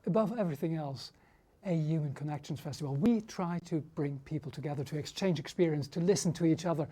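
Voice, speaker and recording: A man opening a panel debate as its moderator, speaking in a measured way and slowing down to stress key points. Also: sits high.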